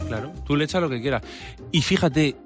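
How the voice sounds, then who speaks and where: A young man co-hosts a casual podcast in a playful manner. His pitch is lively and animated. Faint music sits under the talk. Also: brisk. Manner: playful, puts on silly voices and sings. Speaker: podcast co-host. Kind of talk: casual comedic chat.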